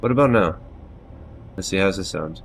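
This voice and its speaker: A loud, self-deprecating game streamer in his thirties chats casually on a live stream from a small room at home, swearing frequently into a headset mic. His low voice has lively intonation and a moderate pace, with slight background noise.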